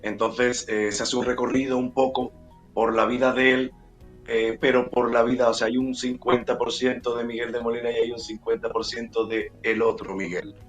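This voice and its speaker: A man's voice: medium pitch, level tone, normal speed, faint music behind. A middle-aged man from Cuba, an actor and playwright, answering interview questions with many fillers and restarts.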